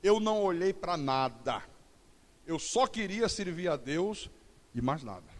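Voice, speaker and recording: A man's voice: high-pitched, big pitch swings, a little slow, in a large hall. A middle-aged male pastor preaching a sermon, telling stories with acted-out dialogue and humor. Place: church.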